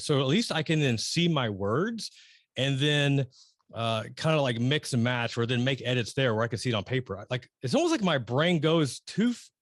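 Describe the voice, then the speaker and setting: A middle-aged man hosting an interview, talking casually and rambling with many restarts and excited emphasis. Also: mid-range voice, no echo, studio quality. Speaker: podcast host interviewing a guest.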